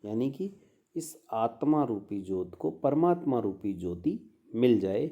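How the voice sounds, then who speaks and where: A man with a Rajasthani Hindi accent giving a lecture on devotional poetry, reciting verses slowly and then explaining them line by line. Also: medium pitch, sing-song, lo-fi sound. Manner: slow, measured, chants verses then explains.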